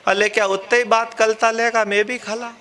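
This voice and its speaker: A man's voice: very high voice, a little slow, creaky, bright, forceful tone, slight background noise, exaggerated voice. A man voicing a lame small-town male election candidate who speaks with a lisp. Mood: stubborn.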